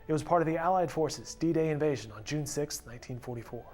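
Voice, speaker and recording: Higher-pitched male news narrator over music. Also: quick pace, a little mellow. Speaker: reporter narrator.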